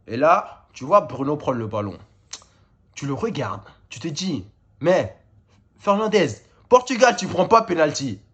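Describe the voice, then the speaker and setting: A man recapping a football match in a casual video, exasperated and mocking, swinging between high outbursts and low mutters. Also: a bit bright, slightly rough. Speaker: football fan commentator.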